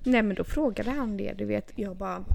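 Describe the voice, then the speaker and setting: Gravelly-voiced podcast woman. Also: mid-range voice, darkish tone. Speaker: podcast co-host. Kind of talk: casual chat, storytelling.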